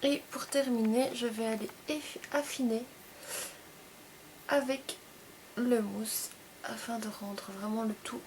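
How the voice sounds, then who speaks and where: A young woman calmly explaining makeup steps in a tutorial, in short, gentle phrases. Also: on the high side, slow, long pauses, noisy background. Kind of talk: casual step-by-step makeup tutorial.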